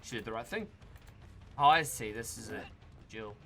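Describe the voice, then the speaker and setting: At a normal speed and medium pitch, with faint music in the background, a young gaming YouTuber from Tasmania, Australia, casually commentates on his own play. He is relaxed, chatting to himself and the players, and occasionally swears mildly.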